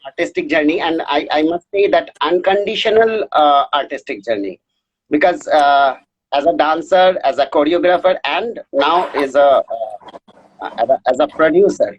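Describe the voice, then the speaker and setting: A young man hosting a live online interview, effusive and halting, mixing English and Hindi with many hesitations. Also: a little high, dull audio, a little hiss or hum. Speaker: interview host.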